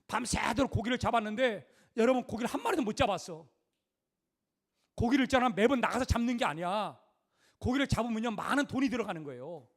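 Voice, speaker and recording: A man's voice: extremely high pitch, animated, fast, creaky. A middle-aged male pastor preaching a sermon in a conversational, emphatic way, full of rhetorical questions.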